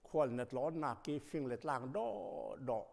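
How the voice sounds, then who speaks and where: A man preaching a sermon as pastor, speaking emphatically and rising to loud passages. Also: mid-range voice, moderate pace. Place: church sanctuary. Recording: long reverb of a church hall.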